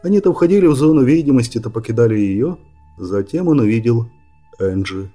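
Husky, dark-voiced male audiobook narrator. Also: mid-range voice, lively intonation, fairly quick, faint music behind. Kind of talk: scripted narration.

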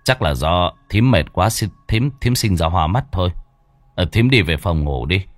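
A man voicing a gruff, sleepy middle-aged husband who talks low and dismissively in a spoken horror story. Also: animated, moderate pace, dry recording.

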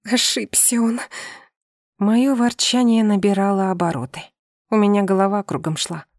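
A woman narrating an audiobook in the first person with lively, expressive storytelling. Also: medium pitch, normal speed, no echo, studio quality.

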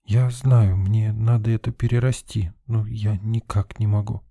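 A man reading an audiobook, voicing a timid, easily frightened young woman in a soft, anxious, raised voice. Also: fairly even intonation, unhurried, creaky, no echo, clean studio sound. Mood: sad. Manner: soft, anxious, higher put-on voice. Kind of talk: audiobook character voice.

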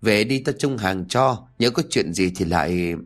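Brief: older village woman, blunt and urgent, low voice, as read by a male narrator. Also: lively intonation, moderate pace.

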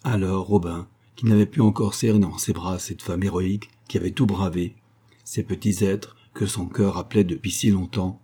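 A man narrating an adventure audiobook with a steady, dramatic reading. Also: sits low, husky.

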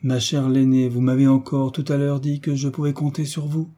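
A man's voice: mid-range voice, completely flat delivery, moderate pace, warm tone, natural voice. A man voicing a cool, commanding young heiress in an audiobook, giving firm, clipped orders. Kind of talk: audiobook character reading.

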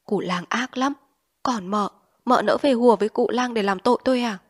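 A woman's voice: a little high, brisk, natural voice. A woman reading an audiobook, voicing a desperate male opium addict in withdrawal who whines and begs. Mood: begging. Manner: whining, pleading, frantic.

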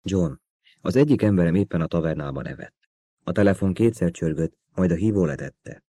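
A man's voice: sits low, expressive, warm tone. A man reading the part of a male police officer giving a matter-of-fact radio report in an audiobook.

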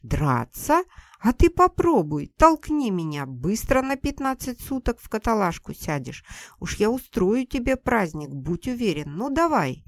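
Brief: woman voicing a harsh older mother, coarse and shouting, pitched up, dry booth sound. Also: big pitch swings, measured pace, dry recording. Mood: furious. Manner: scolding, loud, coarse.

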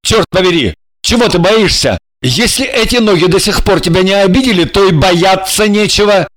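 A male reader voicing a quick-tempered young stepson who snaps his questions. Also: high-pitched. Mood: exasperated. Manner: exasperated, shouting questions. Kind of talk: audiobook character voicing.

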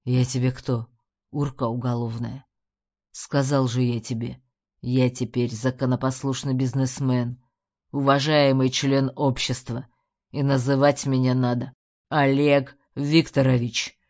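A menacing middle-aged crime boss, as a woman reads him, calm and cruel. His voice sits low and sneering over a muffled, lo-fi recording. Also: measured pace, full character voice. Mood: cold, satisfied. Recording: dull lo-fi recording.

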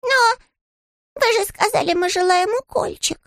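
A woman doing Paddington, a squeaky bear cub. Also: normal speed, creaky, dry recording, clean studio sound. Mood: earnest. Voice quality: high squeaky childlike voice. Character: small polite male bear cub, eager and earnest.

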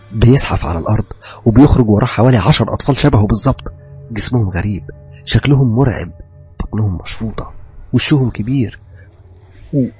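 A man with an Egyptian Arabic accent telling a first-person horror story in a low, hushed, tense voice.

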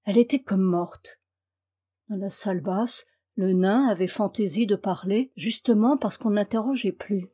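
A woman reading a novel aloud as an audiobook, giving the characters expressive voices. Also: mid-range voice, unhurried, slightly rough. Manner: voices characters with emotion, rising to anguished cries. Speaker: audiobook reader.

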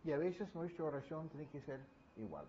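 Man, middle-aged, chatty sermon, slightly high voice, dull recording with faint noise. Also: very animated, moderate pace, mellow. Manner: conversational, acts out little quoted scenes with humor. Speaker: pastor. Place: church.

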